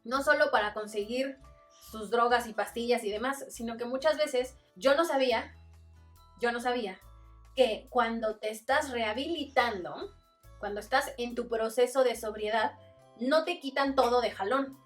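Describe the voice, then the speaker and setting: A woman with a Mexican accent talks through a book in a relaxed vlog, dropping into quick voices for quoted exchanges. Her voice sits a little high. She is set back from the microphone, with faint music playing underneath. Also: far from the mic. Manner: chatty, acts out quotes with voices. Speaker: book reviewer. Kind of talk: casual book review vlog.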